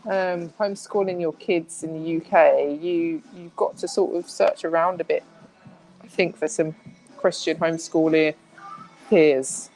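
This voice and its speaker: A woman's voice: on the low side, steady tone, unhurried, a little mellow, soft background music, poor audio. A woman speaking as a guest in a casual interview, chatty, with many restarts and fillers.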